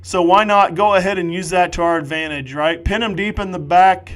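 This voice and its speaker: A man doing live play-by-play football commentary, excitable and jokey with rambling asides. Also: high voice, a little fast.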